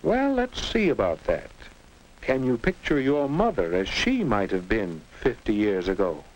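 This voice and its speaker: A man playing a patient, instructive narrator in a 1950s educational film, guiding a teenager in a reassuring, measured way. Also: mid-range voice, very animated, rough recording.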